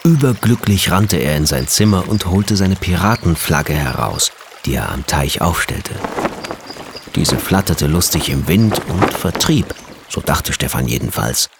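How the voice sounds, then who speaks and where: A man reading a children's storybook aloud with gentle, lively storytelling. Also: rumbling low, measured pace, creaky, very noisy.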